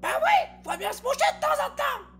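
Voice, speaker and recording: A woman's voice: very high voice, sing-song, normal speed, fairly bright tone, voice pushed up, exaggerated voice. A woman voicing a cheeky, bossy mad chicken in a scripted comic podcast, brash and heckling.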